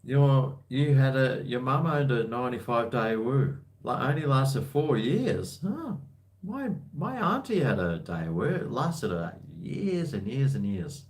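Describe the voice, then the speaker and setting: A very animated man with a mid-range voice takes his time, chatting on his livestream and replying to viewer comments. His talk rambles along in casual, blokey slang.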